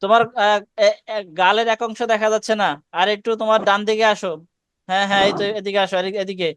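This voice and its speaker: A man's voice: high-pitched, little pitch movement, quick pace, a bit bright, clear, resonant tone, no echo. A man teaching Quran recitation on a video call, coaching students and correcting them with short repeated commands. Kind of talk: online class instruction.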